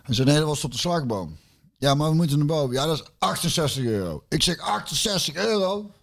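A man's voice: mid-range voice, expressive, fast. A man talks casually in a mid-range voice. He rambles through his tale with plenty of hesitations and curses. He laughs at his own story along the way. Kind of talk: casual chat.

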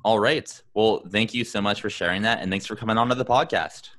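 A man's voice: fairly low pitch, brisk, fairly bright tone. A man hosting a podcast interview in a casual, informal way, repeating words as he works toward his questions. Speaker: podcast host.

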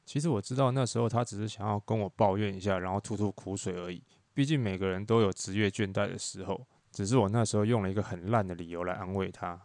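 A man's voice: fairly low pitch, fast, hardly any pauses, darkish tone, dry recording. A man who works as a tour leader hosts a solo podcast, telling wry, chatty stories from his job. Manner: chatty, wry storytelling with quoted dialogue.

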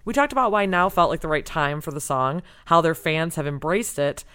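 A woman hosting a music podcast, chatty and quick to laugh, introducing and interviewing guests. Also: low voice, expressive, fairly bright tone, clear, resonant tone. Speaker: podcast host.

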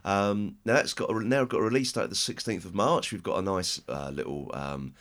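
British male podcast host, low and croaky with a chesty cold, casual and rambling. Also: fairly bright tone. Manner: halting, rambling delivery. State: chest infection, hoarse with a cold.

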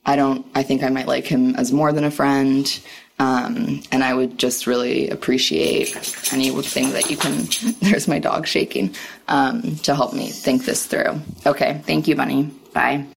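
A woman leaving a personal voice message as a listener with a question, talking in a halting, reflective way. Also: rumbling low, little pitch movement, vocal fry, breathy edge.

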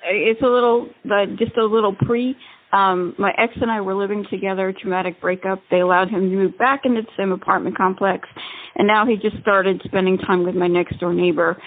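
A woman calling in to a radio show over the phone, laughing often and quick to agree. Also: mid-range voice, fairly even intonation. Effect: heard over the phone. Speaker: caller. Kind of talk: call-in question to a radio show. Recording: tinny phone line.

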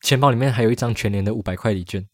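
Man, Malaysian Mandarin accent, rapid casual podcast chat, English words mixed in, dry close sound. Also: fairly low pitch, dry recording. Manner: mixes English words into speech. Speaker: podcast co-host.

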